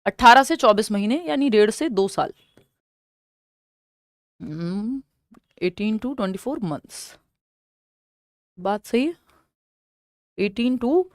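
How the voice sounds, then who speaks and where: A young woman with an Indian accent gives an exam-prep lecture in a fairly high voice. She repeats each key term slowly and keeps asking questions that she answers herself. The sound is close and dry, with no room around it. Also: big pitch swings, no room sound. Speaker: teacher.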